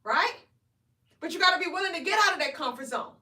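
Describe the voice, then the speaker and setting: A weight loss coach in her 40s gives a live stream motivational talk, energetic and preachy, tacking "right?" onto her points. Her high voice moves at a quick pace and echoes around the room from a distant mic.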